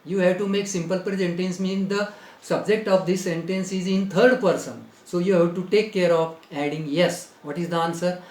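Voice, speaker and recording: Speaking in a fairly high, darkish voice that rings through an echoey room, a man with an Indian English accent gives a grammar lesson as slow, deliberate dictation. He spells out words letter by letter and repeats every phrase.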